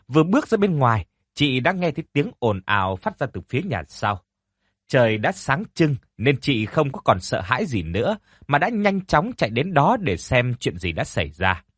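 A man narrating a ghost story with an expressive, dramatic reading. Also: mid-range voice, slightly rough, dry recording, clean studio sound.

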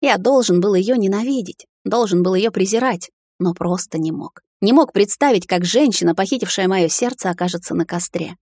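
A woman's voice: medium pitch, dry recording, clean studio sound. Woman narrating a fantasy audiobook. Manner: measured, expressive reading.

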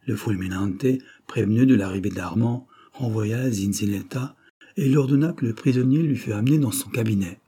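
A man narrating an audiobook in a steady, even storytelling voice. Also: lowish voice, normal speed, slightly rough.

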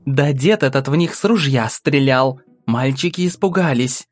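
A male narrator voicing a gentle, soothing countess and mother with a soft, calming voice. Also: mid-range voice, normal speed, soft background music, voice pushed up, close to an everyday voice.

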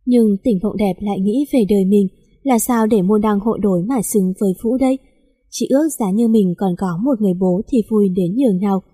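A woman reading a romance story aloud in a soft, sentimental storytelling manner. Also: medium pitch, brisk, husky. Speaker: story reader. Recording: long reverb.

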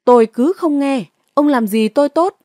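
A woman's voice: high-pitched, normal speed, no room sound, clean studio sound, voice pushed up, lightly acted. A woman narrator voicing a hot-tempered, quarrelsome male village notable. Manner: quarrelsome, shouting.

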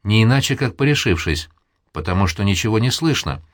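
A man's voice: fairly low pitch, expressive, a little fast, no echo, clean studio sound, lightly acted. A man doing a trembling young maid. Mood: fearful. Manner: timid, plain folksy speech. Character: trembling young maidservant, simple speech.

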